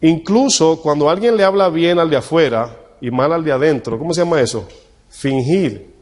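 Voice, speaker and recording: A male pastor preaching a sermon in a conversational tone, asking the congregation questions and slowing down to read scripture. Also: on the high side, a little mellow. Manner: slows right down when reading scripture. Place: church hall. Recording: long church-hall reverb.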